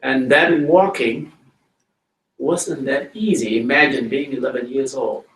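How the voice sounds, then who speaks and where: A middle-aged man from South Sudan, speaking English with a South Sudanese accent, giving a plain, slow storytelling talk to schoolchildren in a school library. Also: medium pitch, a bit bright. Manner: plain, slow-paced storytelling, addressing children directly. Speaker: guest speaker. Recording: roomy hall audio from a distance.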